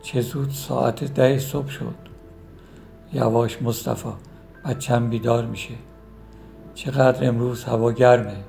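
A man voicing a caring middle-aged mother who keeps urging her son to marry, in a gravelly storybook reading. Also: mid-range voice, little pitch movement, long pauses, dark tone, faint music behind, natural voice. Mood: gentle. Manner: fussing, pleading.

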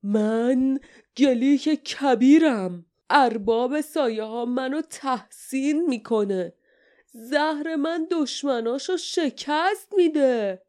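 A woman voicing a giant, boastful, cruel male toad monster in an audiobook, talking slowly with a menacing growl. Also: mellow, lightly acted. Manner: slow, booming, menacing growl.

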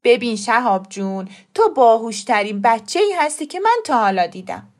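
A woman voicing a bold, scheming old grandmother who talks briskly and emphatically. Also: fairly high pitch, expressive, darkish tone, lightly acted. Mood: coaxing.

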